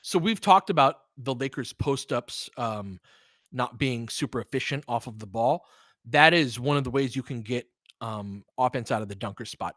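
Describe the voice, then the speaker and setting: In a studio-quality recording free of room sound, a male sports commentator and host with a medium-pitched, slightly bright voice talks basketball. His play-by-play and analysis are conversational and opinionated, with occasional mild swearing.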